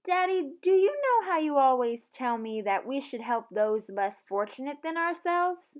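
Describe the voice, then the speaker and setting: An earnest young storybook girl, played by a woman reading aloud, pleads politely with her father. The voice sits high and sounds eager to persuade. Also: very animated, measured pace. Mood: earnest pleading.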